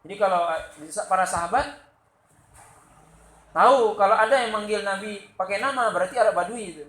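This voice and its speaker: A man from Sumatra with a Sumatran Indonesian accent, giving a loud, lively religious lecture and acting out the quotes in his stories. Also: high-pitched, normal speed. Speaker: religious teacher. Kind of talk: study-circle lecture. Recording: echoey room with faint background noise.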